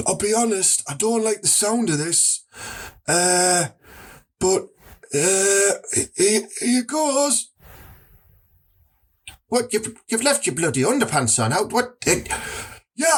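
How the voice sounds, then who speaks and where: A man's voice: high voice, breathy edge, pitched above the performer's own voice, heavily acted. A man playing an earnest, wary undercover copper with a Northern English accent in a comedy sketch, hesitant and bluntly sweary. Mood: nervous. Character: earnest, wary male undercover copper, easily won over.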